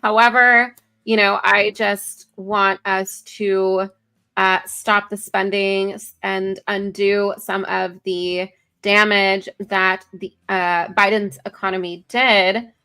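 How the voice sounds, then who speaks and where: A woman's voice: medium pitch, flat delivery, takes it slowly, bright, forceful tone, clear, resonant tone. A woman co-hosting a casual political talk show, reading news articles aloud with many fillers and self-corrections. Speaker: co-host.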